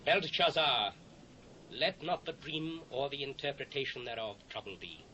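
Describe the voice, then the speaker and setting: A man's voice: medium pitch, animated, normal speed, sharp tone. A British man playing a proud, commanding Babylonian king in a dramatised scripture recording, declaiming in a stately way. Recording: dull cassette transfer, faint hiss.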